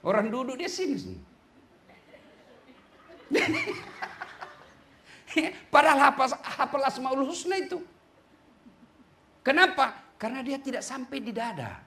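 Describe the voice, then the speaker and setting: A man's voice: very high-pitched, bright, forceful tone. A middle-aged man preaching a humorous sermon to women, joking and switching voices for the people he quotes.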